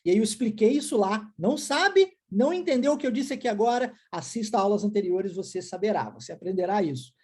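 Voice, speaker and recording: Male online tutor, Brazilian accent, mellow tone, repeats words slowly, lively. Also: high-pitched, husky. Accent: Brazilian Portuguese. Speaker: English teacher. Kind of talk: online language lesson.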